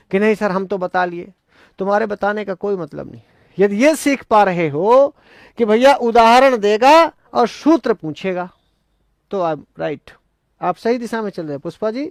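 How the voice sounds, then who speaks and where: A man with a high, gravelly voice lectures on Sanskrit grammar for exam preparation. He repeats key points and keeps checking in with his class through rhetorical questions. The sound is dry and close, with no room echo. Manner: emphatic, repetitive, rhetorical questions to students. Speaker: Sanskrit teacher.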